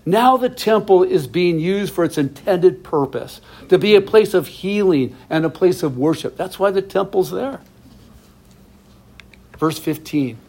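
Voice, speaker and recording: A man's voice: sits high, lively intonation, measured pace, darkish tone. A middle-aged man teaching a verse-by-verse Bible study, explaining each passage plainly with asides to his viewers.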